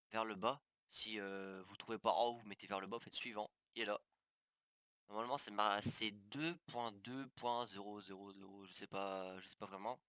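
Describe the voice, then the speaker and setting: In a casual screen-recorded game tutorial, a YouTuber walks viewers through settings step by step, full of fillers and restarts. His fairly low voice is pushed and bright, with a clean tone.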